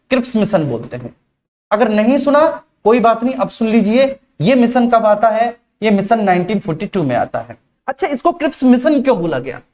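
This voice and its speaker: A male teacher giving a live online class, speaking slowly and deliberately, repeating key points and calling his students "beta". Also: very high voice. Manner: slow, deliberate delivery.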